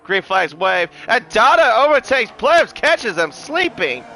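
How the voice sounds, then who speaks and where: A high-pitched man works as a motorsport commentator, calling a race live. His delivery gets excitable on the action and turns chatty between moves. Clear engine noise sits behind his voice. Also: measured pace. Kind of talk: live sim racing play-by-play commentary.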